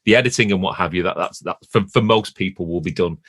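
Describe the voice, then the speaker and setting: Male co-host, fairly low voice, conversational and halting, very dry recording. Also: fairly bright tone, no room sound. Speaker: podcast co-host. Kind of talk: casual podcast chat.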